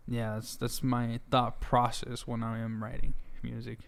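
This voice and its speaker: Young man, smooth voice, rambling chat. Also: mid-range voice, monotone, measured pace. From Juarez, Mexico. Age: about 20. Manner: rambling, laughs easily, many fillers and restarts. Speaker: guest musician. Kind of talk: casual interview chat.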